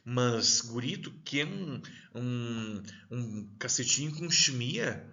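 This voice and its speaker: A man's voice: mid-range voice, animated, takes it slowly, gravelly, pushed and bright, highs cut off, exaggerated voice. A man imitating a hearty southern gaúcho man offering bread and mate, with a Rio Grande do Sul accent and a folksy, exclamatory manner. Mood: hospitable.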